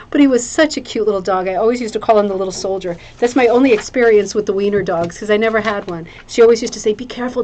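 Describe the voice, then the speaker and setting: A woman's voice: medium pitch, darkish tone, slight background noise, rough recording. A woman hosting a craft show in a casual, chatty way, gushing and rambling, often repeating phrases for emphasis. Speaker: craft show host presenting viewers' hooked rugs.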